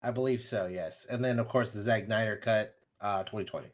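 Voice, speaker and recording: A man's voice: fairly low pitch, brisk. A man co-hosting a casual film podcast, joking around and laughing easily. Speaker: podcast co-host. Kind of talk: casual chat.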